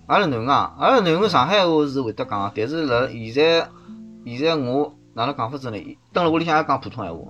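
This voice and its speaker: A man's voice: mid-range voice, lively intonation, fast, a bit bright, lo-fi sound, faint music behind. A man in his fifties with a Shanghainese accent, a guest in a casual chat who often repeats words as he starts. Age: 50s.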